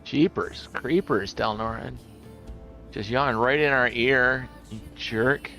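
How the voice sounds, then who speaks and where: A man's voice: medium pitch, takes it slowly, sharp tone, faint music behind, low-quality recording. A middle-aged man hosting a casual gaming livestream, rambling and chuckling as he tells stories. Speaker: livestream host.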